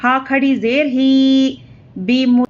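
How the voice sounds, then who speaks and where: A woman teaching Quran reading, spelling syllables slowly and drawn out, with quick explanations of the rules in between. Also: high-pitched, fairly even intonation, muffled recording. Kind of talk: slow letter-by-letter spelling lesson.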